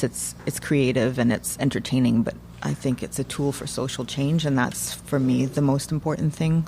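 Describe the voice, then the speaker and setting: A woman's voice: extremely low pitch, vocal fry, mellow, a little hiss or hum. A woman speaking conversationally as a film guest in an interview.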